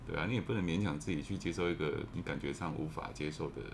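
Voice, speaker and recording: Very deep-voiced Taiwanese man. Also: fast, vocal fry, background noise. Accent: Taiwanese Mandarin. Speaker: podcast panelist. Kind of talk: casual reflective discussion.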